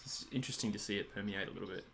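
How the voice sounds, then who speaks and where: A chatty Australian man with a bright voice, on the low side, talks very fast while hosting a casual livestream over a cricket match. He reads the chat aloud, rambling and making fun of himself.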